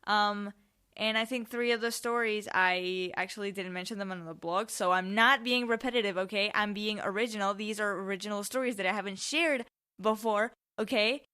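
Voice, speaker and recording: A woman's voice: mid-range voice, normal speed, bright, forceful tone, clear, resonant tone. A young adult woman hosting a podcast, telling stories casually in a rambling, informal way and often correcting herself. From Spain, with family in Mexico. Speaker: podcast host. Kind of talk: casual solo storytelling.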